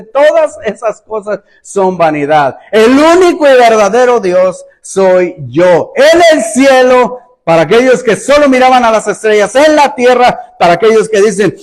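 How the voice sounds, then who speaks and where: A male pastor preaching a sermon in an emphatic style, acting out sarcastic rhetorical questions. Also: very high-pitched.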